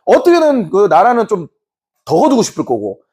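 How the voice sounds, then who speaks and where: A man teaching a Korean history class in a lively way, now and then acting out short scenes in put-on voices. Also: sits high, a little fast. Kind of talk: classroom lecture.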